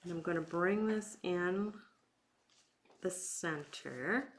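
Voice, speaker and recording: A woman leads a casual craft demonstration in a slightly low voice. She talks informally through each step as she works, taking her time. Faint noise sits in the background. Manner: informal, unhurried, talking while working with hands. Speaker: craft instructor and bingo night host.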